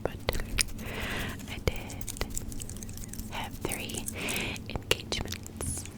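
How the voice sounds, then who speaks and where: A woman speaks entirely in a breathy whisper, as if through cupped hands. Her ASMR ramble moves very slowly, and she lingers over words, often repeating them. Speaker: ASMR host.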